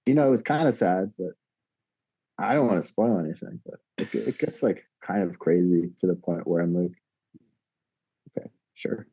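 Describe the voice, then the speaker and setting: A man chats as a podcast guest in a low, mellow, slightly husky voice. He talks in a laid-back, rambling way with dry humor, and the recording sounds dry and a little dull. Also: fairly quick, dry recording. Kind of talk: casual chat.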